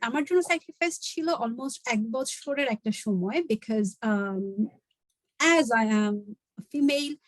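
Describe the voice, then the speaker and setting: Bangladeshi woman in her late twenties, guest speaker on a video call, brisk and higher-pitched, mixes Bangla with English. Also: animated, dry recording, rough recording. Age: late 20s. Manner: earnest, switches languages mid-sentence. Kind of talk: online talk mixing Bangla and English.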